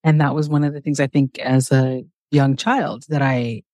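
A woman's voice: rumbling low, fairly even intonation, moderate pace, a little mellow, no room sound, studio quality. Woman from Ghana hosting an interview. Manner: many "you know" fillers. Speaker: podcast host.

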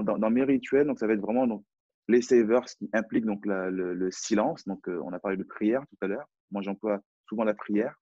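A French-accented man with a low, dark and husky voice talks through his routines in a relaxed, halting way, full of fillers and restarts. The sound is dull and dry, like a lo-fi live call. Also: no room sound. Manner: hesitant, many fillers and restarts. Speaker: personal development coach. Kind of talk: casual live discussion.

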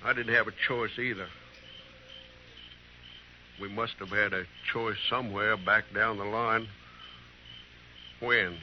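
A man's voice: lowish voice, steady tone, takes it slowly, pauses often. Troubled frontier townsman, muffled radio. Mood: bitter, resigned. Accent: American. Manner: earnest, rustic speech. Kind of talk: old radio western acting. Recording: muffled, noisy vintage radio recording.

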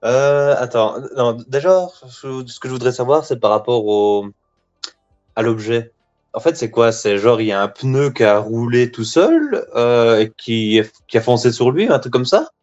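A man's voice: medium pitch, lively intonation, a little slow, darkish tone. A man calling in over the phone to co-host a live web-radio guessing game, hesitant and thinking aloud with many fillers, his phone lying on his lap. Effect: heard over a phone line. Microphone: phone lying on his lap, away from his mouth. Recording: dull lo-fi phone line with faint music.

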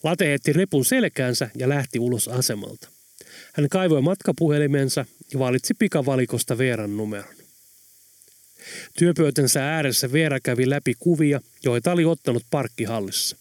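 A man narrating an audiobook in a steady, measured storytelling voice. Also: mid-range voice, no echo.

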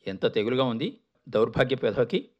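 A man's voice: medium pitch, animated, a little fast, lo-fi sound, lightly acted. Man voicing an irritable grumbling passenger. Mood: indignant. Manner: scornful, muttering complaints.

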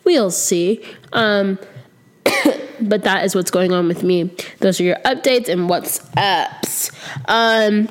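Sitting close to the microphone, a twenty-something podcast host chats casually on her own, candid and rambling, full of ums. She sounds slightly sick and a bit nasal, with a mid-range voice and a slow pace.

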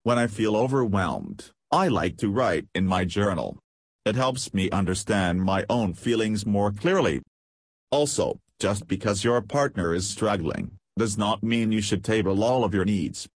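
A man reading scripted advice as a steady, numbered list. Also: fairly low pitch, a little slow, husky, no echo. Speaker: narrator. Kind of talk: scripted narration.

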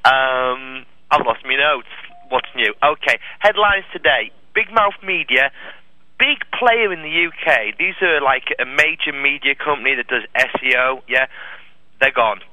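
A man's voice: medium pitch, animated, a little slow, dry recording. A man co-hosting a casual chat, blunt and teasing, who swears freely. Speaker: podcast co-host. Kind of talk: casual banter. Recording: dull lo-fi line.

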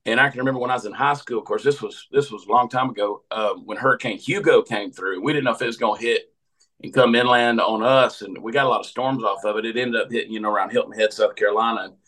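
A man's voice: on the low side, steady tone, quick pace, fairly bright tone, poor audio. A man of fifty with a Southern American accent, a comedian telling folksy, joking stories in a rambling casual chat. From Georgia, USA. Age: 50s. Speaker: comedian and podcast host.

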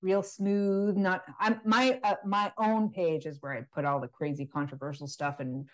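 A woman's voice: on the low side, fairly even intonation, normal speed. A woman, a guest on a casual podcast, talking in a wry, sarcastic way and laughing between remarks. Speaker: podcast guest, natural health practitioner. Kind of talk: casual conversational interview.

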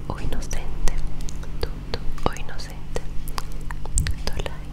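Female ASMR whisperer, leaning in right up to the mic, unhurried delivery with soothing-style repetition of words. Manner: slow, repeats words and phrases over and over. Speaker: ASMR creator explaining slang expressions. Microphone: very close microphone.

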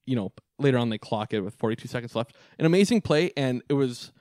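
A man co-hosting a casual sports podcast, rambling through the plays with many restarts. He speaks at a middle pitch. The sound is dry and close, with no room echo. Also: expressive, fast talker, darkish tone. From Minnesota. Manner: rambling, restarts often, laughs easily. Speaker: podcast co-host.

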